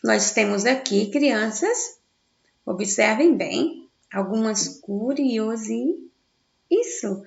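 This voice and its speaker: A woman teacher giving a recorded grammar lesson for children in Brazilian Portuguese, sounding out stressed syllables slowly and answering her own questions. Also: a little high, expressive, gravelly. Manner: slow, stressed syllables when sounding out words; asks the class questions and answers them herself. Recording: dull, echoey room.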